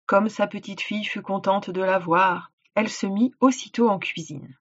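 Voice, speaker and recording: A woman teacher reads a folk tale aloud in a clear, explanatory manner and speaks directly to a child. Her voice is husky. The recording sounds dull and lo-fi. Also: medium pitch, normal speed. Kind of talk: read-aloud storytelling and instructions.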